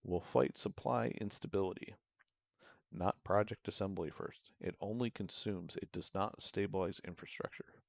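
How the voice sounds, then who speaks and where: A man doing a measured, announcer-like narrator voice as he reads advice aloud. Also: sits low, gravelly, no room sound. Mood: narrating. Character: steady male narrator reading advice.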